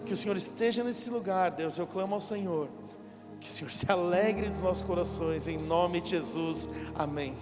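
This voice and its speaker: High-voiced pastor in a reverberant hall. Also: male voice, normal speed. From São Paulo, Brazil. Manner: fervent, repetitive prayer addressing God. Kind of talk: sermon and spoken prayer. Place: large church hall at a conference. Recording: hall reverb with music behind.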